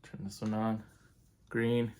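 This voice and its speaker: A man giving a relaxed, chatty product review at home, walking through features. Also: fairly low pitch, takes it slowly. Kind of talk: casual unboxing review.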